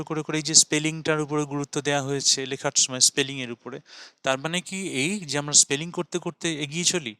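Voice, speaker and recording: A man teaching English writing in a video lesson, explaining in Bengali and reading English example sentences slowly, often asking and answering his own questions. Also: a little high, bright, forceful tone, clean tone, no echo.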